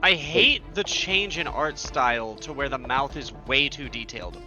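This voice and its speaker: A man's voice: mid-range voice, moderate pace, loud music behind the voice. A man playing in a tabletop game, chatting casually, swearing and saying "like" a lot. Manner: casual, swears, says "like" often. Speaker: player.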